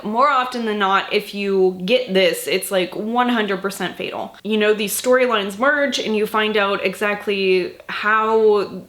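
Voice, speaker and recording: A sick, slightly husky woman book vlogger chats casually through her monthly reading wrap-up, using lots of fillers and swearing. Her voice is mid-range and fairly bright in tone.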